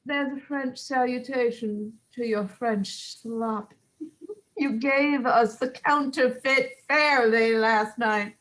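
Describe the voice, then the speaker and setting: Woman doing a mocking witty young nobleman, slow and showy, kinda high voice. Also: fairly even intonation, a bit bright, rough recording. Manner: theatrical, teasing verse delivery. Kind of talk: Shakespeare stage reading.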